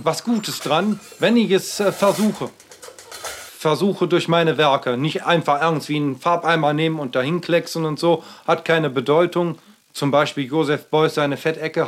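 A male artist tells a rambling personal story, his speech halting and full of fillers and restarts. He sounds a little high.

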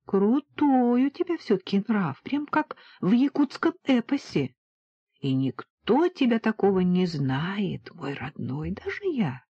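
A woman's voice: medium pitch, very animated, a little slow, breathy edge, no echo, highs cut off. A woman voicing an anxious, tender young woman artist in an audiobook.

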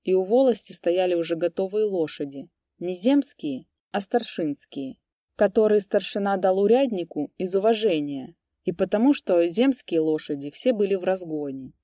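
A woman narrating a literary story in a steady, even storytelling manner. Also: on the low side, moderate pace, no echo, studio quality. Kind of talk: audiobook narration.

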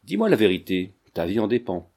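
A man's voice: lowish voice, very animated, a little fast, dark tone. A man voicing a wrathful, tyrannical prince who speaks in a commanding, contemptuous way. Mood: threatening.

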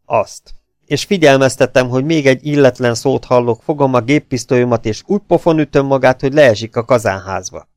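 A man reading aloud, voicing a coolly menacing gangster who speaks with smooth, mocking courtesy. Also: medium pitch, a little mellow, no echo, studio quality, close to an everyday voice. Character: mock-polite adult male gangster, cool and menacing.

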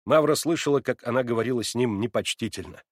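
A man narrating a classic novel as an expressive, measured audiobook reading. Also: mid-range voice, no echo, studio quality. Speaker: reader.

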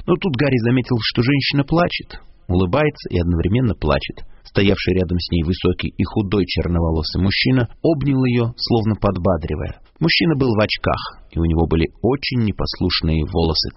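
A man narrates a story in a measured, expressive way. His voice is very low, gravelly and husky. The broadcast sounds dull and lo-fi. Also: no echo. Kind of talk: audiobook reading on radio. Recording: lo-fi radio broadcast.

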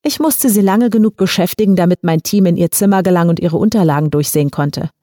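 A woman voicing a suave, polite man who calmly threatens his victim, in an audiobook short story. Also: on the low side, no room sound, studio quality, close to an everyday voice. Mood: calm menace. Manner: smooth, unhurried, quietly threatening. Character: suave menacing male blackmailer, calm and polite. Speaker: audiobook reader.

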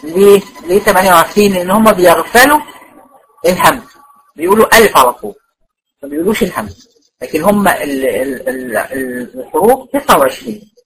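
Animated and quick, yet given to long pauses, this Egyptian tajweed teacher speaks with a fairly low, breathy voice and an Egyptian Arabic accent. She instructs female students in Quran recitation one step at a time, regularly checking that they follow. The audio quality is poor.

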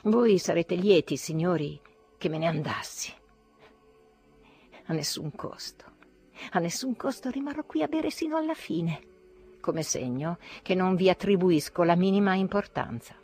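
A woman's voice: fairly low pitch, unhurried, mellow, soft background music. A woman reading an audiobook, voicing a bitter, feverish young male outcast who declaims shrilly and defiantly.

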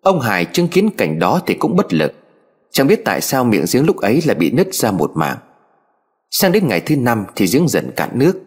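Husky male storyteller, lively delivery. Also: mid-range voice. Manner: measured, dramatic storytelling. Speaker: narrator. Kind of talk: scripted storytelling narration. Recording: faint background music. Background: faint music.

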